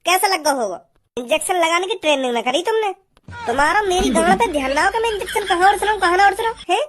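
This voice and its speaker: An actor doing a squeaky, angry village man. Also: expressive, quick pace, a crowd in the background. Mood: accusing. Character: angry rural village man, a patient, quarrelsome and loud. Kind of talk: cartoon voice acting.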